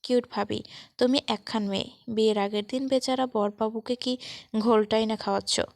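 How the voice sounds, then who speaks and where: Woman doing a jokey young guy in a storybook, mocking tone, gravelly voice. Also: fairly high pitch, steady tone, normal speed, dry recording, clean studio sound. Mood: joking.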